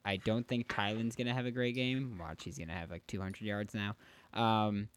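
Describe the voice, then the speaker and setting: A man's voice: on the low side, steady tone, moderate pace, a little hiss or hum. A man co-hosting a sports podcast, giving opinionated, teasing takes in casual banter.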